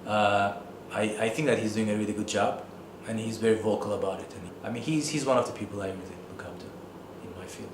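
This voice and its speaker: A man's voice: lowish voice, steady tone, fast, hardly any pauses, noisy background. Turkish-accented man, reflective, roomy echo. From Turkey. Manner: thoughtful, many "uh" and "I mean" fillers. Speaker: economics professor. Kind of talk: interview answers.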